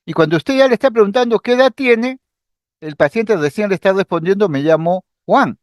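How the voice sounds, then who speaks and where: Male lecturer, bright high voice, dry close sound, clear explanatory teaching manner. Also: brisk, no room sound. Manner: explanatory, acts out patient speech examples; lively intonation, occasional fillers and restarts. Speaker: psychiatry lecturer. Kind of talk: recorded medical lecture.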